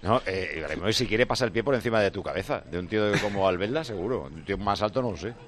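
A man hosting a live football radio show in a quick, chatty way with laughing asides. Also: lowish voice, animated, crowd noise. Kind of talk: live match radio talk.

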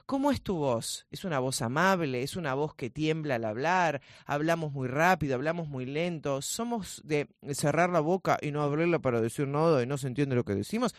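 A woman voice coach with a Rioplatense Spanish accent, speaking in a powerful, loud, vehement way as a guest in a radio studio. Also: low-pitched, normal speed, hardly any pauses, dry recording. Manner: vehement, lively teaching tone.

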